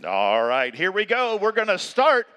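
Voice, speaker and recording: A man working as an event emcee, announcing a live competition in a showy, hyped style like a fighting game announcer, with drawn-out calls. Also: high voice, huge pitch swings, sharp tone, clean tone. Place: large indoor competition venue. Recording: echoing large arena PA.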